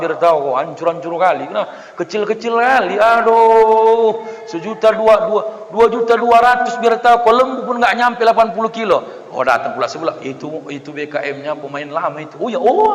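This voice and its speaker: A man preaching a humorous sermon, acting out villagers' voices and joking with the congregation. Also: high-pitched. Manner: lively, acts out voices of villagers, jokes with the audience. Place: mosque hall. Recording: echoey hall with long reverb.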